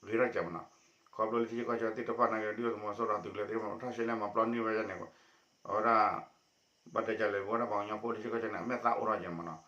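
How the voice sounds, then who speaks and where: A man delivers a news report in a bright, forceful voice with a steady pace. The sound is muffled and lo-fi, and it carries a noticeable room echo. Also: on the low side, quick pace. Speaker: news presenter. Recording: echoey dull lo-fi recording.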